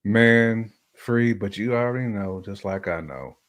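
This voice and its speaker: Speaking in a lowish voice at a measured pace, this male co-host of a relationship podcast keeps things casual and colloquial, offering opinions in slangy language and repeating himself to stress points.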